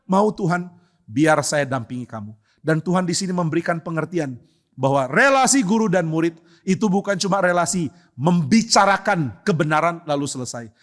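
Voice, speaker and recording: Male pastor, church sermon, conversational and humorous, rhetorical questions, fairly high voice. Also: lively intonation, normal speed.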